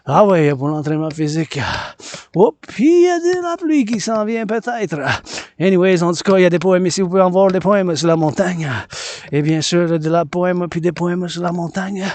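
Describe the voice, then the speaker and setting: A man with a Québécois French accent, rambling excitedly while walking outdoors and filming a vlog, mixing French and English. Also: on the high side. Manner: loose and excitable, switches between French and English. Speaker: vlogger. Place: outdoors on a mountain path.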